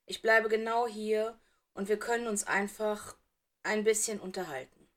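A woman's voice: mid-range voice, unhurried, close to an everyday voice. Cold proud male teacher, curt and strained, read by a woman. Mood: strained calm. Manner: clipped, growling, then forced calm. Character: cold, proud grown man teacher, cornered and tense.

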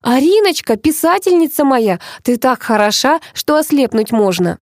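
A woman's voice: high voice, lively intonation, moderate pace, a little mellow, dry recording, studio quality, voice pushed up. A woman reading an audiobook and voicing a showy, gushing female pop singer who coos and chatters breathlessly.

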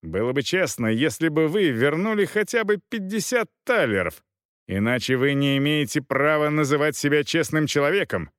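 A man's voice: fairly high pitch, expressive, moderate pace, fairly bright tone, no room sound, studio quality. A man reading aloud, voicing a proud male knight who haggles and accuses in a cutting way. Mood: angry.

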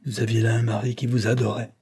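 A man's voice: medium pitch, flat delivery, fast talker, a little mellow, slightly rough. A man reading an audiobook plays a stern older aristocrat, the count, who lectures and reproaches in a severe tone. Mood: reproachful.

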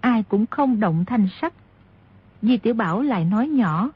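A woman narrating a martial-arts novel in a steady storytelling voice. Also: on the high side, moderate pace, slightly rough, dry recording. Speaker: audiobook narrator. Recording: dull lo-fi audio.

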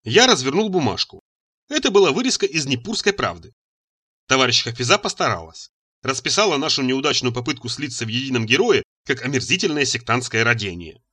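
A man's voice: mid-range voice, very animated, brisk, sharp tone, breathy edge. A man reading a story aloud as the narrator, expressively acting out the dialogue. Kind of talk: audiobook reading.

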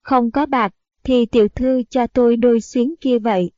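A woman's voice: fairly high pitch, fairly even intonation, moderate pace, warm tone, dry recording, lightly acted. A woman voicing a mocking old male beggar who is secretly a master fighter, in a sly, scolding way. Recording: dull, dry audiobook recording.

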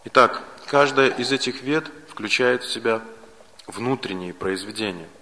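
A man's voice: mid-range voice, pushed and bright, a little hiss or hum. Man lecturing in a reverberant hall. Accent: Russian. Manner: measured, enumerating points with repetitions. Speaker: lecturer on Vedic philosophy. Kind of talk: spoken lecture. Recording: archival lecture recording with long hall reverb.

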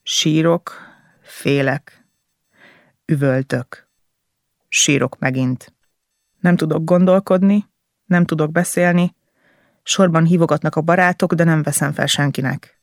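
A man reading a first-person novel aloud as an audiobook narrator, with an intense, emotional delivery in short, halting phrases. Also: fairly high pitch, steady tone, no room sound, studio quality.

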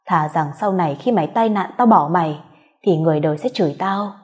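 Woman reader as bitter grieving wife, cold contempt, warm low tone. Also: brisk, lightly acted. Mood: cold hatred. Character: bitter vengeful wife grieving her son.

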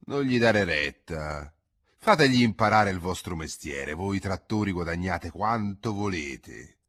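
A man reading an audiobook, voicing a fat, mocking middle-aged notary's clerk who speaks with calm condescension. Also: low voice, unhurried, exaggerated voice. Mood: condescending.

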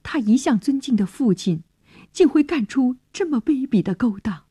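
A woman's voice: fairly high pitch, expressive, normal speed, mellow, husky, no echo. A woman telling a story on the radio, narrating expressively and dramatically in a studio.

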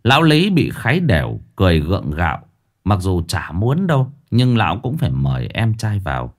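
A man's voice: fairly low pitch, wildly swooping pitch, moderate pace. A man narrating a ghost story expressively, acting out every voice. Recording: faint background music.

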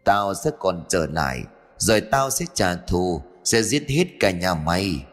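A man's voice: low voice, sing-song, a little slow, long reverb tail, soft background music. A man voicing a vengeful female ghost who hisses out threats in an audiobook horror story. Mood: menacing. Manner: hissing threats. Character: vengeful young female ghost, hateful and menacing.

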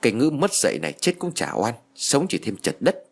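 A man's voice: very animated, vocal fry, breathy edge, heavily acted. A man voicing a foul-mouthed old village woman who scolds and curses. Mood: defiant. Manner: shrill, scolding, cursing rapidly.

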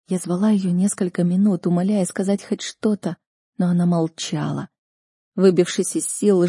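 A woman's voice: on the low side, dark tone, slightly rough, no room sound, clean studio sound. A woman reading a first-person audiobook with tense, emotional delivery. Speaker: audiobook narrator.

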